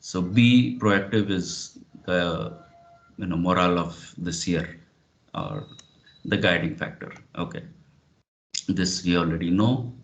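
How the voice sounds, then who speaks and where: A man's voice: deep voice, slow pace, pauses often. A man presenting an online webinar, speaking hesitantly with many fillers like "you know". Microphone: video call. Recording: dull lo-fi video call audio.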